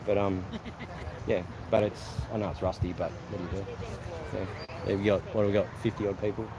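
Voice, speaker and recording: A man's voice: fairly low pitch, level tone, a little fast, crowd noise, low-quality recording. A man with an Australian accent, live-streaming casual chat to viewers at an outdoor car show, rambling with lots of ums and restarts.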